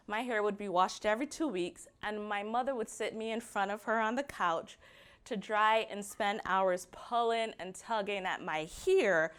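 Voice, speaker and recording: With a clear, resonant, medium-pitched voice, a young Barbadian woman speaks with her home accent in a prepared personal talk. She slows down to stress key words.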